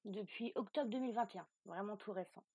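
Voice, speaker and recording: A woman guest on a podcast, answering questions candidly, quickly and in a relaxed way. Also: mid-range voice, slightly rough, no echo. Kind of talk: casual interview answers.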